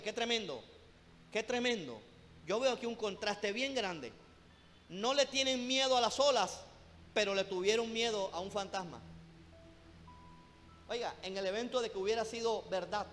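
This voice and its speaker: A man's voice: high voice, normal speed, long pauses, fairly bright tone. A man preaching a sermon, fervent and direct, who keeps addressing his listeners as brothers and peppers his talk with rhetorical questions. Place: church hall. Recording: long hall reverb with music behind.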